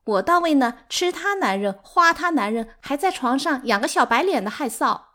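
A shrieking, sobbing concubine. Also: female voice, lively intonation, normal speed, sharp tone. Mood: shrill furious. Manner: shrill, screaming and sobbing. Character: hysterical wailing concubine, woman, sobbing, desperate.

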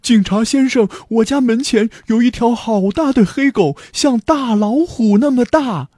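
A man's voice: very high voice, unhurried, dark tone, no room sound, clean studio sound, voice pushed up. A man voicing a flustered father calling the police in a children's story. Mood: alarmed. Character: alarmed father, flustered and blustering.

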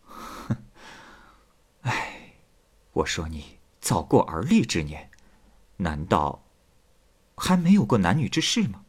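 Guy putting on a soft breathy young wife's voice, barely above a whisper, husky and low, storybook telling. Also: wildly swooping pitch, takes it slowly, long pauses, heavily acted. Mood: mocking. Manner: hushed, breathy near-whisper. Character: young wife, grieving then cold and scheming.

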